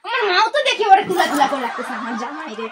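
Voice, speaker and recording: A woman's voice: high voice, very animated, racing, a crowd in the background. A woman playing a vain young bride, sulking and complaining. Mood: nagging. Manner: sulky, complaining. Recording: loud noisy amateur recording.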